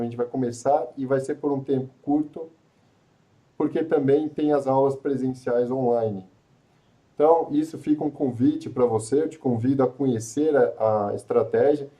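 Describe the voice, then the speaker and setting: A man's voice: mid-range voice, warm tone, rough recording. A man hosting a live web show, talking earnestly with frequent restarts and repetitions. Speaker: host. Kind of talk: live web show chat and course pitch.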